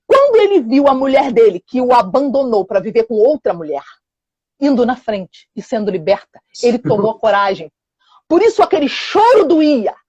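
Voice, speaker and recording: Animated woman preacher, husky voice. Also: a little high, moderate pace, no room sound, highs cut off. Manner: animated storytelling, acts out scenes with shouts and hushed voices. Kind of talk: testimony preaching.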